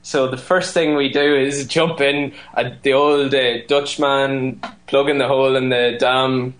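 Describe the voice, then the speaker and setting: A man's voice: medium pitch, flat delivery, a little slow, fairly bright tone. A man with an Irish accent, a brewery guest calling in, telling a story with many fillers and restarts. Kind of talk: casual phone-in chat. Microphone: phone line.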